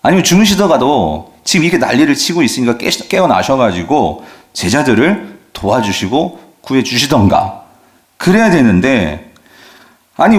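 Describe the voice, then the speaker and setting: A man preaching a sermon as pastor, asking the congregation questions and dropping frequent affirming fillers. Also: mid-range voice.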